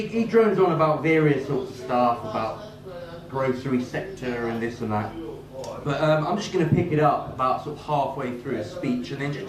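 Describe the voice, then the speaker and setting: Man, hesitant, in an echoey room. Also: a little high. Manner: hesitant, full of fillers and restarts. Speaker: video host. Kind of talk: casual commentary. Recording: roomy echo, distant from mic.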